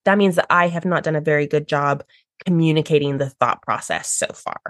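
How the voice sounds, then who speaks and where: A woman's voice: fairly quick, no echo, clean studio sound. A woman hosting a podcast as a brand strategist and designer, explaining her process with enthusiasm and acting out her clients' reactions. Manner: enthusiastic, explanatory, acts out clients in high voices. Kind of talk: podcast conversation.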